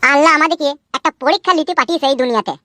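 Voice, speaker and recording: A woman's voice: high voice, rapid-fire, sharp tone, no room sound. A woman voicing an uneducated young man who earnestly rambles about the meaning of life in a comedy cartoon.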